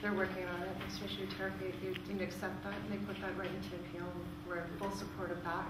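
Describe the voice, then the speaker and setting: Answering questions from the audience at a casual presentation, a woman talks quickly in a medium pitch with little rise and fall, repeating phrases to stress her points. The echoey room, a distant microphone and clear background noise all come through.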